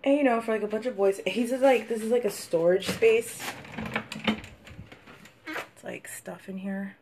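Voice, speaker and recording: A woman's voice: on the high side, a little slow, background noise. A young woman vlogger giving a casual walking tour of her apartment, rambling with lots of "like" fillers, filmed on a handheld phone. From Washington DC area. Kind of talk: casual house tour vlog. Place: apartment indoors, walking room to room. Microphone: handheld phone camera.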